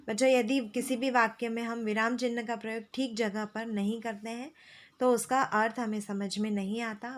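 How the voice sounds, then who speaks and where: A woman teacher explaining grammar to schoolchildren, slow and patient, repeating key phrases. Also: a little high. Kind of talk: classroom lesson explaining grammar.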